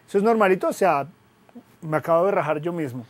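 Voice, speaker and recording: Man, high voice, lively lecture style, rhetorical questions, jokes at himself. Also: fast talker. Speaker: guest web consultant. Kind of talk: classroom lecture.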